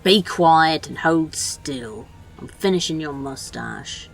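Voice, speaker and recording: A woman's voice: deep voice, slow, faint music behind, full character voice. A woman voicing a sardonic, bossy male demon in a fan audio drama, talking in a dry, exasperated, scolding way.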